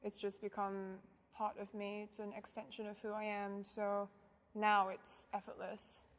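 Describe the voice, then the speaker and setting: A woman's voice: medium pitch, completely flat delivery, a little slow, a bit bright. A young woman from Japan, a violinist, giving thoughtful interview answers with light laughs.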